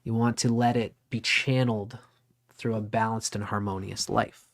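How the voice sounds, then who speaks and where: A man's voice: fairly low pitch, level tone, moderate pace, vocal fry. A man in his forties giving a casual, rambling talk on astrology, conversational and sometimes swearing. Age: 40s. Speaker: astrology teacher. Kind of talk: casual lecture.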